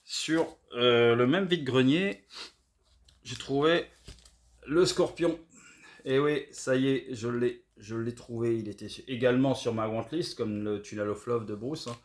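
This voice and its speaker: A man's voice: medium pitch, measured pace. A middle-aged man from France chatting casually and hesitantly, with many fillers, about records he found. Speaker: record collector vlogger. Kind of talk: casual haul video chat.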